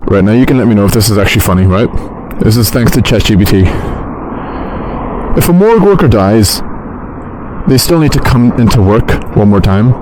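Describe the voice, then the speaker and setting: A man's voice: lowish voice, animated, brisk. A man chatting casually from inside a motorcycle helmet as he rides, joking, swearing and rambling to himself into a helmet mic. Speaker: motovlogger. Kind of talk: casual motorcycle vlog chat while riding. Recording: loud traffic and vehicle noise.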